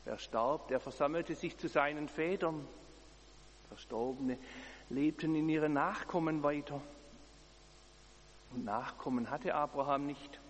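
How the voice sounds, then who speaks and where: A man giving an earnest sermon, speaking in a measured way and repeating key words for emphasis. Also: on the high side, long reverb tail, a little hiss or hum. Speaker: preacher.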